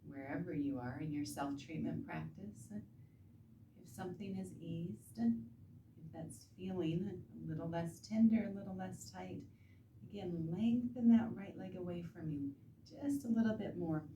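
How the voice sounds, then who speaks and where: A soft-spoken woman instructor leads a guided body-awareness and stretching lesson in a soothing, gentle manner, pausing between short instructions. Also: lowish voice. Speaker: instructor guiding self-treatment bodywork. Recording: roomy, distant mic with background noise.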